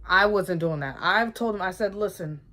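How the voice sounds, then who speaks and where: A woman vlogging in a casual, chatty way, emphatic and quick to laugh, who often checks in with "okay?". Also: medium pitch. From United States. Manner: laughs often, bursts of excitement. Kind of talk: casual chat to camera.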